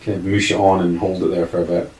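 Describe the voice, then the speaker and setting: A man, a player in a casual tabletop game who makes jokey, deadpan asides. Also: low-pitched, fast talker. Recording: echoey room, mic off at a distance.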